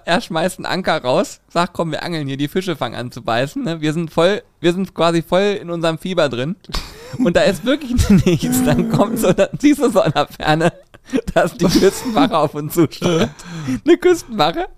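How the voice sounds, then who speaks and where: A man co-hosts a casual podcast and tells a funny story, acting out the quotes and laughing often. His voice sits a little high for a man and moves a lot in pitch. The sound is close and dry. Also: sing-song, moderate pace, no room sound. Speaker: podcast co-host.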